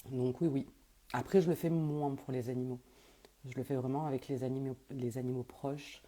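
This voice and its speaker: A woman's voice: rumbling low, fairly even intonation, normal speed, dark tone. A woman working as a medium who answers viewers' questions in a casual live stream, talking hesitantly with many fillers and restarts.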